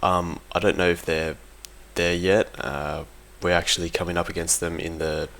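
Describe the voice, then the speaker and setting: Recording an audio log, a man on a competitive gaming team offers off-the-cuff opinions at normal speed. His low, fairly monotone voice has a bright, forward edge, and he's informal and hesitant, often rephrasing. Some background noise is present.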